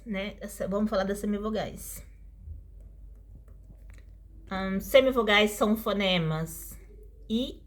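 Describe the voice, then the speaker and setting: Female teacher, mid pitch; talks through lesson casually and draws out example words. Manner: stretches out example words slowly, tag questions.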